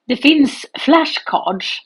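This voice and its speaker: A woman's voice: high-pitched, animated. A woman explaining a study method step by step, in a practical tone.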